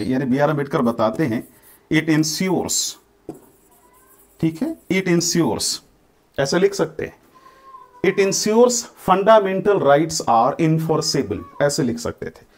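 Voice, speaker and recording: A man's voice: a little high, a little slow, a little mellow. A male coaching teacher from India lectures students on answer writing, mixing Hindi with Indian-accented English and dictating model lines word by word. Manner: addresses students directly, checks they follow. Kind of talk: exam-prep lecture.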